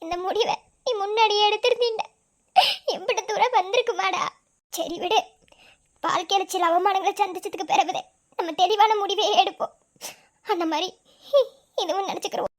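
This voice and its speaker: A woman's voice: very high voice, moderate pace, long pauses. A woman voicing a young pregnant village woman in a cartoon, tender and steadfast, with a Madurai Tamil accent. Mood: resolute. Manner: soft, consoling, tearful at times. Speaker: cartoon character. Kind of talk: emotional cartoon drama dialogue.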